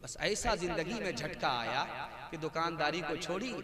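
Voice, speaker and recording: A man's voice: on the high side, moderate pace, a crowd in the background. A man preaching an Islamic sermon, telling parables and urging listeners to pay close attention. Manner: emphatic storyteller, repeatedly urges listeners to pay attention. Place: large hall at a religious gathering. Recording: echoey hall with music behind.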